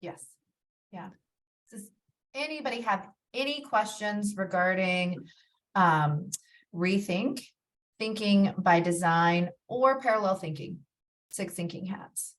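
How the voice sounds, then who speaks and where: A woman's voice: medium pitch, slow, pauses often. Polite woman moderator, a bit off-mic. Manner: polite, announcing. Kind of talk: panel discussion. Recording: distant from the mic.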